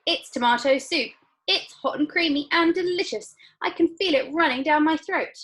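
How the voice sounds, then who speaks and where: A woman's voice: sits high, moderate pace, a bit bright, voice pushed up. A woman doing a bratty, boastful girl. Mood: gloating. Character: boastful greedy gum-chewing young girl. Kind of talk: storybook read-aloud.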